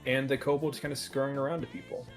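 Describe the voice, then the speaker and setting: A man narrating a tabletop role-playing game as game master, describing scenes in a relaxed way with frequent fillers. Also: medium pitch, fast talker, faint music behind.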